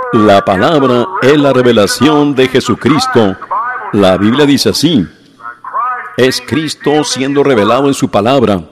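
A man preaching a sermon to a congregation, often asking "¿ven?" and slowing down to stress his points. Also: mid-range voice. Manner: keeps asking the audience "¿ven?"; slows down for emphasis.

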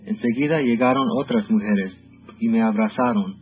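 A man's voice: lowish voice, moderate pace, crowd noise. A man preaching a sermon, telling the story of a vision and talking directly to his congregation. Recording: tinny phone-like sound with faint music.

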